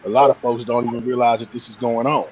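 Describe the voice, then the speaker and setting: A man in casual live stream chat, talking in halting bursts with restarts and frequent swearing. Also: medium pitch, flat delivery, a little mellow, slight background noise, low-quality recording. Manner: halting, profane, many restarts.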